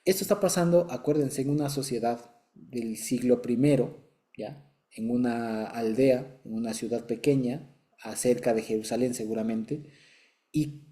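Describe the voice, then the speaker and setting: At a measured pace, a very deep, warm, mellow-voiced Bible study teacher leads a conversational lesson. Patient explanations come with light chuckles and short asides checking in with his listeners.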